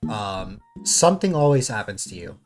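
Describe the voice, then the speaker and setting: A man's voice: on the low side, sing-song, normal speed. A young male streamer chatting casually in voice chat, hesitant and full of ums. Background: music.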